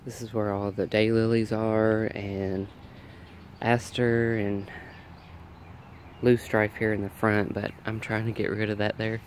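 A garden vlogger films himself strolling through his backyard garden, chatting casually and thinking aloud as he goes. His voice is lowish, nasal and congested from allergies, with a flat, slightly slow delivery. There's a little background noise.

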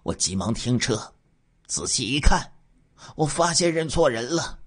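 A man narrates a true-crime case in the first person, voicing the killer's confession. His voice is husky, and his pitch swings very widely as he moves between hushed asides and loud bursts. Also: sing-song, unhurried.

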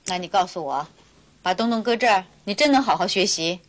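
An actress playing a proud, educated elder sister who speaks firmly and lectures. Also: female voice, medium pitch, lively intonation, brisk, lightly acted. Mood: stern lecturing. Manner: firm, lecturing, decisive. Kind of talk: 1990s TV drama acting.

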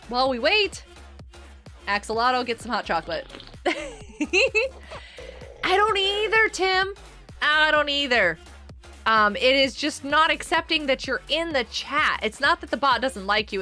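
Animated and high-pitched, with a pushed, bright sound at normal speed, a middle-aged woman runs a game livestream over a headset mic as soft music plays. The livestream host and homeschooling parent laughs, chats, and greets her viewers by name.

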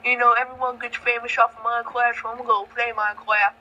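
A man's voice: extremely high pitch, level tone, fast talker, bright, forceful tone, full character voice. A teen boy mimicking a slangy laid-back teen dude. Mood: mocking. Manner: drawling "yo man" slang. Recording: dull lo-fi recording.

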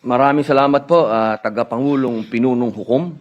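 A man addressing his fellow senators in a measured, formal speech. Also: mid-range voice, dull audio, noisy background.

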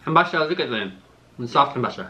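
A man's voice: fairly high pitch, very fast, bright, forceful tone. A man from Eritrea, a food vlogger, chatting casually while chewing. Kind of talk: casual mukbang chat.

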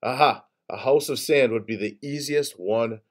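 A man's voice: medium pitch, moderate pace, natural voice. A man voicing the laziest young male gator, cocky and offhand, in a storybook reading.

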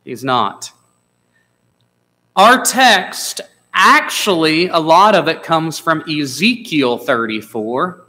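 Man preaching in a church, bright voice, conversational, asks the congregation questions. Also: a little high, poor audio. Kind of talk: sermon. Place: church sanctuary.

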